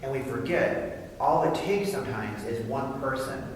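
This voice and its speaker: A man's voice: mid-range voice, expressive, normal speed. A man speaking as a drag performer on a discussion panel, explaining things earnestly. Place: large reverberant room. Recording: very echoey hall, distant mic, faint noise.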